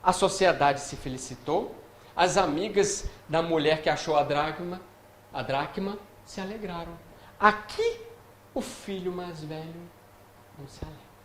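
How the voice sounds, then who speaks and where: A man's voice: a little high, a little slow. A man with a Brazilian Portuguese accent giving a spiritist lecture on scripture, speaking conversationally and often checking in with his audience. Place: lecture hall of a spiritist center. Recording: echoey hall with faint noise.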